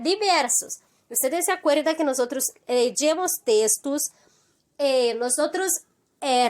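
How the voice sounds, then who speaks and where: High-voiced teacher reviewing vocabulary. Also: female voice. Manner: mixes Portuguese and Spanish, explains slowly with check-ins. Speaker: Spanish teacher. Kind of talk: recorded class review.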